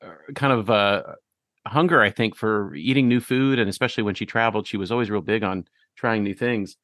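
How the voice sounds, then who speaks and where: A man's voice: on the low side, a little fast, a bit bright, dry recording. Man hosting a podcast, dry close sound. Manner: friendly, interviewing, riffing on guest's stories. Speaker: podcast host. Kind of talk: casual chat.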